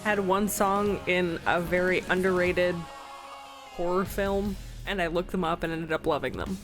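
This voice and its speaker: A woman co-hosting a podcast, chatting about music in a relaxed, easygoing way. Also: fairly low pitch, moderate pace. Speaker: podcast co-host. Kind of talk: casual chat about music.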